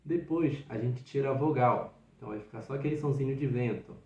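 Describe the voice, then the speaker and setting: A man teaches flute articulation, walking through each step with patient encouragement. His voice sits at a middle pitch. The room around him rings with noticeable echo. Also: brisk, warm tone, muffled recording. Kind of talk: instructional video. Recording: roomy echo.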